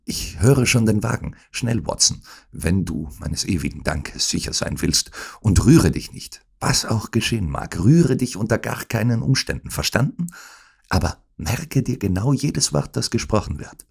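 A man's voice: low voice, lively intonation, moderate pace, voice pushed up, heavily acted. Man voicing a feverish dying detective. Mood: urgent. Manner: weak, breathy, urgent orders. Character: gravely ill male detective, feverish yet commanding. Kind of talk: audiobook acting.

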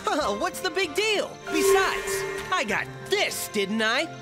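Cocky Sonic the Hedgehog, very animated. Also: male voice, very high voice, slow pace, over loud music, exaggerated voice. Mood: nonchalant. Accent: American. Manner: breezy, cocky, slangy. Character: cocky, carefree young male speedy hedgehog hero. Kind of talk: video game cutscene acting.

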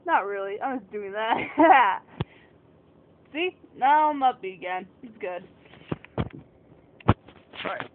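Female vlogger, high voice, bored rambling chat, tinny phone-like sound. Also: animated, extremely slow, pauses often. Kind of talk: casual chat to camera. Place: at home, lying down. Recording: tinny lo-fi audio with faint hiss.

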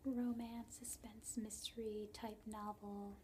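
A young woman plays a librarian in an ASMR role-play. Her library soft voice is soft, breathy and unhurried, with a casual, hesitant delivery. Clear background noise and small clicks sit behind the voice. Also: mid-range voice, level tone. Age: young adult. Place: indoors, small book-lined room.

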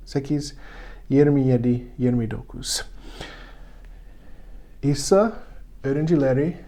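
A man with a foreign accent, still learning Turkish, teaching the Bible in simple, broken, halting sentences with frequent self-corrections. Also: mid-range voice, dark tone. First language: not Turkish, still learning it.

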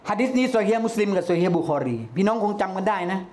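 A man teaching a religious lecture to a congregation, lively, calling out chanted phrases loudly. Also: sits high, rapid-fire. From Thailand.

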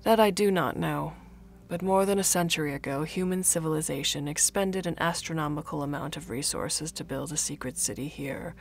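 A woman voicing an enigmatic male skeleton guardian in an audiobook, speaking in a measured, cryptic way. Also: low voice, creaky. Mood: calm.

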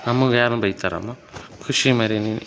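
A man's voice: medium pitch, normal speed, a bit bright, in a large hall, a little hiss or hum. A man from Karnataka coaching a home workout in a casual, bossy and teasing way, counting reps aloud. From Karnataka, India. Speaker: fitness coach.

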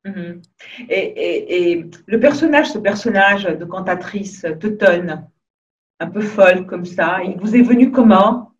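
A woman's voice: mid-range voice, unhurried. Brief: female host, brief prompting questions, dull far-off call audio. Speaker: interview host. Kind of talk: conversational interviewing.

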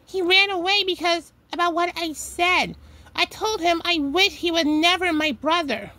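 A woman's voice: extremely high pitch, moderate pace, bright, forceful tone. A woman voicing a remorseful young woman in a fan-made puppet show, speaking earnestly and pleadingly. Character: young woman who lost her brother, remorseful.

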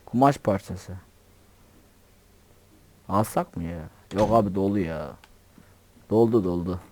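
A man giving excitable, joking commentary on his own gameplay, swearing playfully and talking to himself. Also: sits low, slow. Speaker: gamer.

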